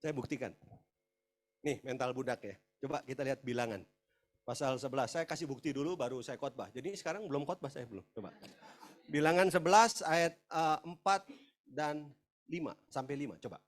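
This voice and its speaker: A man preaching a humorous sermon, animated and jokey, acting out voices and breaking into laughs. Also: medium pitch, a little fast. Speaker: pastor.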